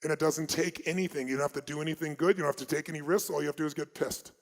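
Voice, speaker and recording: A man speaking as a motivational speaker, telling stories at a live seminar in an emphatic way that swings from loud urging to hushed asides. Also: fairly high pitch, steady tone, very fast, vocal fry, long reverb tail.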